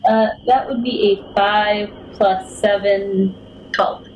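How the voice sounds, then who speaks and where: A woman's voice: medium pitch, steady tone, slow, highs cut off, noisy background. A woman player in a tabletop game, chatting casually with a giggly, playful manner.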